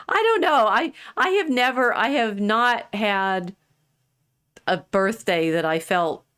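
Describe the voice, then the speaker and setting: A woman's voice: on the low side, a bit bright, clean tone. A woman in her sixties co-hosting a livestream, talking in a rambling casual way with many restarts. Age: 60s. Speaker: co-host of a livestream. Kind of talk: casual chat.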